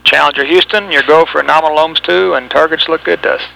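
A man speaking as a mission control communicator in measured, terse astronaut radio calls over a radio link. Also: on the high side, steady tone, gravelly, sharp tone. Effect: radio transmission. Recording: noisy space-to-ground radio link.

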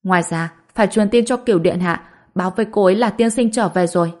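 A woman voicing a strong-willed young noblewoman who gives brisk orders in a storybook reading. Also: mid-range voice, a little mellow, close to an everyday voice. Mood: eager, commanding.

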